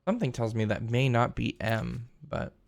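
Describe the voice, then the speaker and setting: A man live-streaming a mystery game, reading in-game letters aloud haltingly and breaking off for asides and corrections. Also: mid-range voice, expressive, gravelly.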